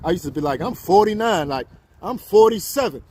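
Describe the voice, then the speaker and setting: Talking straight to his audience, a man in his fifties hosts a casual live-stream chat on a city street where faint traffic can be heard. He has a high, slightly mellow voice, speaks fairly quickly, and uses lively intonation.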